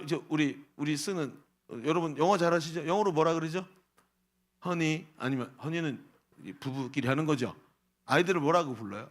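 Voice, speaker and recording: A middle-aged male senior pastor preaching a lively sermon to a youth service, often asking the congregation questions and acting out the voices he quotes. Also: on the high side.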